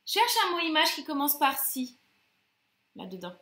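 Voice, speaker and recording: A woman teacher giving a slow, emphatic phonics lesson to young children, stretching out each syllable. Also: sits high, sing-song, bright, forceful tone, echoey room.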